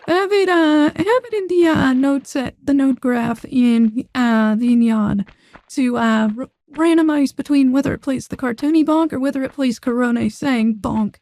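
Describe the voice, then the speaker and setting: Voice-changed woman streamer, high, dry sound, rambling casual chat. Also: moderate pace, darkish tone, dry recording. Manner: rambling, hesitant, many fillers.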